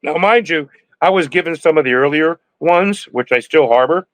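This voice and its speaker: Poor audio captures a fairly high-pitched man at normal speed, with no room sound. He's in his sixties, a podcast guest who breeds cannabis, and his casual interview talk is rambling and preachy with frequent restarts.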